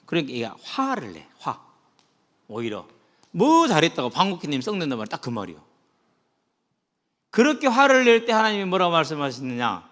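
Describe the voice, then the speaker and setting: A male pastor delivers an animated sermon, his delivery swinging from hushed and low to loud and high. His voice is high and bright, with a lively, rising and falling pitch. The sound carries a long reverb from the church hall. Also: moderate pace, long pauses. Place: church sanctuary.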